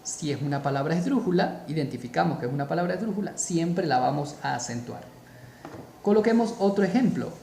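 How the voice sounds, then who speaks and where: A man teaching a spoken grammar lesson, slow and deliberate, repeating key terms for emphasis. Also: a little high, lively intonation, creaky, dark tone, roomy sound, a little hiss or hum.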